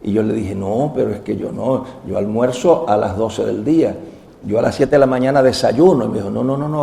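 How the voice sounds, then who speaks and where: A man's voice: medium pitch, gravelly, warm tone, a little hiss or hum. A man, a visiting professor, giving a doctrinal lecture to a live audience, telling humorous personal stories and acting out both sides of remembered conversations. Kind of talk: lecture told through personal anecdotes.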